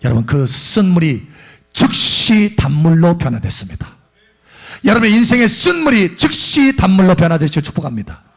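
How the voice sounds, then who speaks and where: Husky, impassioned male pastor preaching. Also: very animated, normal speed. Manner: impassioned preaching, voice surging high on quoted prayers and blessings. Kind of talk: sermon.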